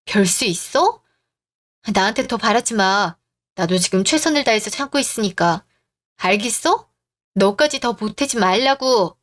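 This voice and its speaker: A woman's voice: medium pitch, animated, measured pace, fairly bright tone. A woman voicing an irritated, defensive young husband in a storybook reading. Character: defensive young husband caught between wife and mother.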